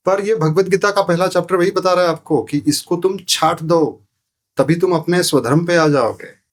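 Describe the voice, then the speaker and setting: With a high-pitched voice and a moderate pace, a man explains spiritual ideas as a podcast guest. He's a sound therapy teacher who speaks didactically in the interview, asking rhetorical questions and repeating phrases.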